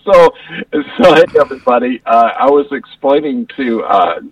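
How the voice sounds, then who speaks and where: A man's voice: medium pitch, animated, normal speed, far from the mic. A man talking in a laid-back, slangy way as a podcast co-host, his voice muffled as if through a tube over a phone line. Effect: muffled, sounds like talking through a tube. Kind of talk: casual podcast chat.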